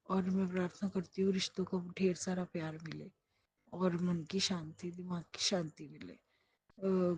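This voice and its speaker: A woman's voice: fairly low pitch, a little mellow, breathy edge, dry recording, rough recording. A middle-aged woman speaking a personal prayer, earnest and pleading as she asks for guidance for her children. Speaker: devotee praying aloud.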